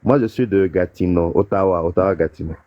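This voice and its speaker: A man, from North Kivu, calling into a live stream and giving advice in a halting way, full of restarts and fillers. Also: low-pitched, no room sound, dull audio. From DR Congo, North Kivu. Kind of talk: casual call-in advice. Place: call from abroad.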